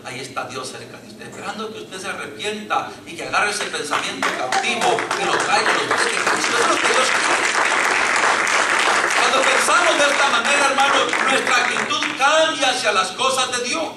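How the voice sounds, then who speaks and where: A man's voice: very high voice, sharp tone, a little hiss or hum. A man preaching a fervent sermon to his congregation, calling them brothers, with a Latin American Spanish accent. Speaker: pastor. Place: church sanctuary. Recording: echoey church room, mic at a distance.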